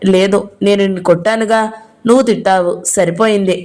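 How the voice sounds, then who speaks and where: A worried young mother, as a woman reads her in an audio novel, soft and hesitant in her speech. The pitch stays at an ordinary middle level. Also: fairly even intonation, a little fast, lightly acted. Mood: anxious.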